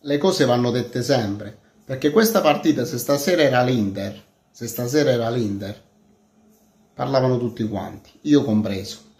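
A man's voice: medium pitch, normal speed, darkish tone. A man gives an outspoken, indignant post-match football opinion with emphasis. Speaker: football commentator. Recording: echoey room.

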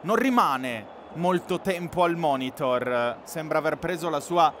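Man, live football commentary, very animated pitch, excitable, prone to shouting, noisy outdoor background. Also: a little slow. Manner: excitable, bursts into shouts at chances. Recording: constant stadium-like background noise.

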